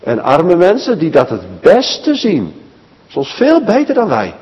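Animated preacher telling children a story. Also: male voice, on the high side, slow pace, slightly rough, big-room sound, dull audio. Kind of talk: children's sermon.

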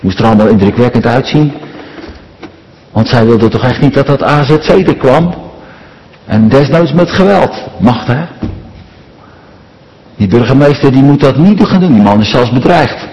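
Middle-aged preacher in a reverberant church. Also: male voice, medium pitch, lively intonation, moderate pace, long pauses, a little mellow, lo-fi sound. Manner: earnest, rhetorical, with frequent tag questions. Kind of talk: sermon. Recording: long reverb of a large church.

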